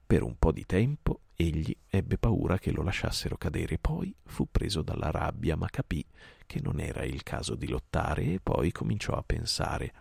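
Deep gravelly male narrator. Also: a little mellow, no echo, clean studio sound. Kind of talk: night-time audiobook reading.

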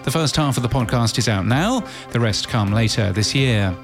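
A man's medium-pitched voice carries a scripted podcast news bulletin over music, with lively intonation and a moderate pace. He works through the headlines in a crisp, orderly fashion, adding the occasional dry aside.

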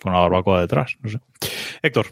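A man's voice: deep voice, lively intonation, brisk, vocal fry, no room sound, clean studio sound. A man with a Castilian Spanish accent hosting a motorsport podcast, commenting in a casual, colloquial way.

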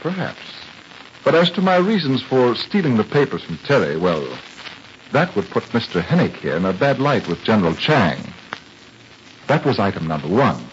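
Man acting a suave, sneering radio-serial villain, animated delivery. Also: medium pitch, normal speed, natural voice. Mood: smug, condescending. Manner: suave, condescending, sardonic. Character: smooth, mocking male crook, a spy posing as chemist. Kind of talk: 1940s radio drama acting. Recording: muffled, hissy 1940s radio recording.

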